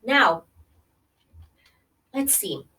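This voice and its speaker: Leading a read-along for kids, a woman teacher speaks very slowly in a fairly high voice with lively intonation and a sharp tone. She addresses the children directly, pausing to explain and tossing in friendly "okay?" and "right?" checks, while sitting far from the mic.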